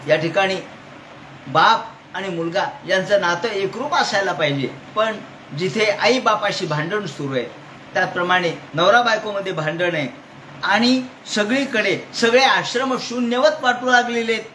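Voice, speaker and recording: A Bhagavata discourse speaker gives a devotional scripture talk, chanting verses, then explaining them as he questions his listeners. His voice is high-pitched and sharp, at normal speed, recorded in an echoey hall with faint noise.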